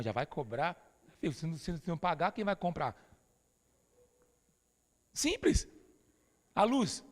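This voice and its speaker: A Brazilian man delivers an emphatic, familiar sermon, his voice set high and roughened by a gravelly edge. Long reverb from a church hall trails behind every phrase. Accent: Brazilian Portuguese. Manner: emphatic, familiar, calls listeners "dear". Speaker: pastor.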